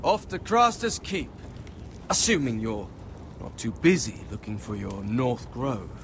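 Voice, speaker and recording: An actor playing a wary, skeptical watchman who talks quietly and teasingly. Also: medium pitch, sing-song, a little slow. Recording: noisy storm backdrop. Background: rain and thunder.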